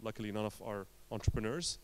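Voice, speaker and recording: His voice sits lowish as this man from Lebanon, an entrepreneur, relates his story at a conference, leaning on terse emphatic statements and deliberate dramatic pauses.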